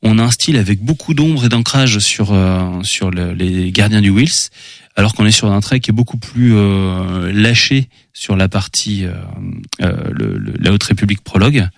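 A man presenting on a talk show in a relaxed, chatty way, with many hesitations. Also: fairly low pitch, moderate pace, creaky, no echo, clean studio sound. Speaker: radio show columnist. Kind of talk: casual chat presenting manga.

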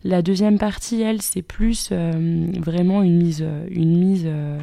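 Quick, hesitant woman with a mellow voice. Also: on the low side, fairly even intonation, creaky, no room sound. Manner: quick, with frequent hesitations and self-corrections. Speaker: radio book columnist. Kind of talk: radio book recommendation.

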